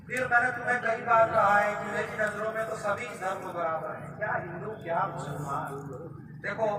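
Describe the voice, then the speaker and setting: A man's voice: high voice, heavy background noise, natural voice. A man playing a bossy young husband. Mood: coaxing. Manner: shouting, bossy. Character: young man, smooth-talking suitor turned domineering husband. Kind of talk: amateur stage skit. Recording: echoey hall, distant PA mic.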